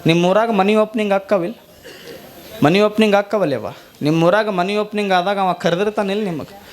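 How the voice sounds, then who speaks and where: A man's voice: high voice, moderate pace. A male monk with a North Karnataka Kannada accent, giving a folksy storytelling sermon with quoted verses. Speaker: monk preacher.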